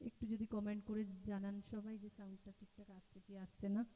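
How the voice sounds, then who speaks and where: A woman's voice: mid-range voice, little pitch movement, quick pace, dull audio. A woman hosting a casual live stream, chatting and checking viewers' comments about the sound. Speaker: live stream host and singer. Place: home room with speaker box. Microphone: mic and speaker box in front of camera.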